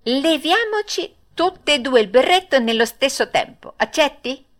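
A mischievous wooden puppet boy in a storybook reading, his voice pitched very high and bouncing all over the place. He talks slowly and carefully, like a child spelling out a plan. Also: sing-song. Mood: cheeky.

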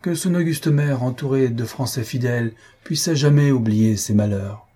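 A man's voice: mid-range voice, normal speed, dark tone, husky, natural voice. A man voicing an old blind marquis in an audiobook, with a fervent, solemn way of raising toasts. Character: old blind male marquis, proud royalist host. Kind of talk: audiobook character voice.

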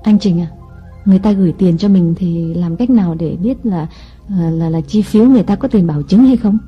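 A man voicing a sly young wife in an audiobook story, speaking in a coaxing, wheedling falsetto with a husky edge. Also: a little fast, muffled recording, soft background music.

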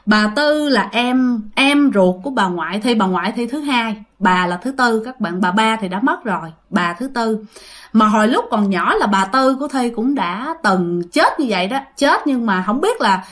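A woman's voice: fairly high pitch, expressive, moderate pace, fairly bright tone. Chatty Southern Vietnamese woman storyteller. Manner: chatty, repeats phrases, addresses listeners directly. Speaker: ghost story host. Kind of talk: casual spoken storytelling.

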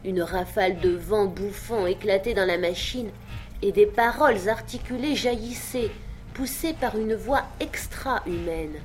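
A woman narrating an audiobook of a literary tale in a measured, expressive way. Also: medium pitch, soft background music.

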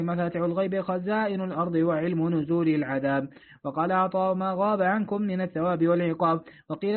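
A man reading classical Quranic commentary aloud as a student in a lesson, brisk and steady, slowing down for quoted verses. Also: high voice. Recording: tinny phone-like recording.

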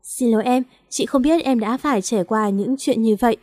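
A blunt but caring female office manager who scolds sternly in a storybook reading, as a woman puts her on. The voice is fairly high and sounds dry and close. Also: fairly quick, darkish tone, dry recording, lightly acted. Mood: scolding.

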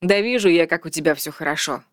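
A cocky young male priest with a teasing, boastful edge, as a woman narrator puts him on. He speaks low and close, with no room around him. It is a storybook reading. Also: fast, dry recording, close to an everyday voice. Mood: gentle.

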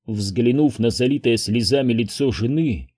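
Male audiobook narrator, first-person, measured, dark tone, husky. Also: medium pitch.

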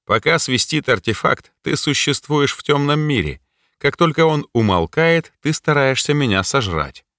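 A man voicing a weary, sharp-tongued male mage in an audiobook, curt and commanding. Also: mid-range voice, lively intonation, moderate pace, no room sound, studio quality, pitched above the performer's own voice, close to an everyday voice.

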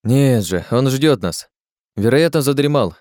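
A man's voice: medium pitch, lively intonation, unhurried, a little mellow, no echo, pitched above the performer's own voice, lightly acted. Man voicing a blunt adventurer leading his band, firm, terse, dry close voice. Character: steady male adventurer, group leader.

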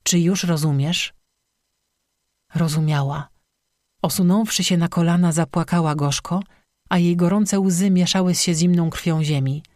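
An audiobook narrator reading a fairy-tale story in even, measured scripted narration. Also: mid-range voice, dry recording, studio quality.

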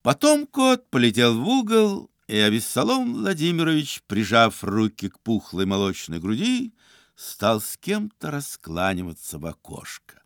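A male audiobook narrator tells the story in a theatrical, animated manner. His pitch swoops and leaps freely across each phrase. The recording is dry and close, with no room sound. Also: a little slow, smooth, dry recording. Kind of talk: expressive literary narration.

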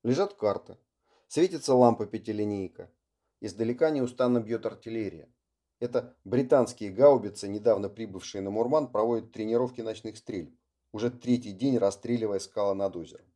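Male audiobook narrator, very dark and mellow tone, even unhurried storytelling. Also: fairly low pitch. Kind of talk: scripted narration.

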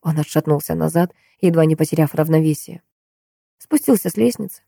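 Female audiobook narrator, low mellow voice, even storytelling, dry close recording. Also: a little fast, creaky, no echo. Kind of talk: scripted narration.

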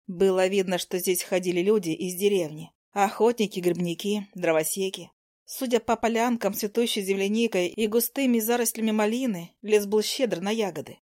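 A woman reading a first-person fantasy novel aloud in an even, clear storytelling manner. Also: medium pitch, moderate pace. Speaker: audiobook narrator. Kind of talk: first-person audiobook narration.

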